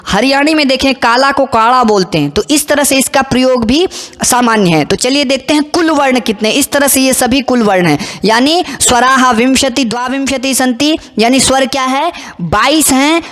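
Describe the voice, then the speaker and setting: A woman teacher explaining a language lesson step by step, slowing to recite example phrases with care. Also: high-pitched. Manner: slow, deliberate recitation of Sanskrit examples. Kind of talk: explanatory lesson on Sanskrit letters. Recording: long hall reverb.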